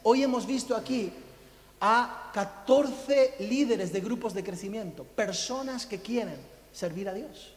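A man's voice: sits high, unhurried. A male pastor preaching a sermon, emphatic, asking the congregation rhetorical questions. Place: church hall. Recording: echoey church hall.

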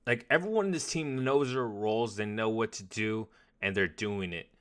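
A man talks football on a casual podcast in a lowish, bright, forward voice. He rambles and trips over his phrases, doubling back often. His delivery stays loose and conversational. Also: moderate pace, clear, resonant tone. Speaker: podcast co-host. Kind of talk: casual sports podcast chat.

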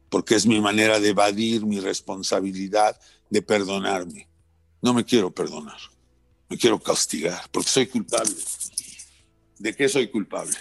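Reflective male guest, gravelly voice, dry recording over soft music. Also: fairly low pitch, dry recording. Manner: earnest, introspective, repeats words. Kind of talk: reflective personal conversation.

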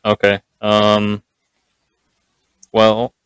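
Young male podcast co-host, low voice, excitable banter, dry sound. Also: very slow, smooth, no room sound. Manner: excitable, animated outbursts, lots of fillers. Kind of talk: casual chat.

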